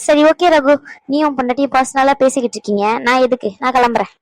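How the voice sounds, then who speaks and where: A woman's voice: sits high, fast, dry recording, natural voice, poor audio. A woman voicing a firm peacemaking older sister. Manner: firm, soothing, scolding. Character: calm older sister figure who mediates. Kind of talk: cartoon voice acting.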